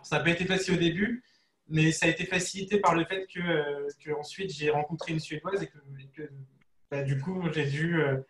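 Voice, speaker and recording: A man's voice: on the high side, a little fast, a bit bright, roomy sound. A man from France with a French accent, a former student speaking frankly and informally in a panel discussion over a video call. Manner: frank, informal, casual phrasing. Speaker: alumnus guest.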